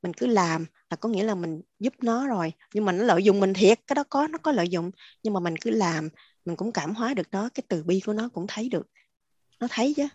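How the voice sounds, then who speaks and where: A woman's voice: medium pitch, lively intonation, quick pace, a little mellow, slightly rough, no room sound, dull audio. A woman hosts a spiritual discussion. She explains through homely examples and laughs easily. Her voice is close and dry, with no room sound around it. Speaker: discussion host.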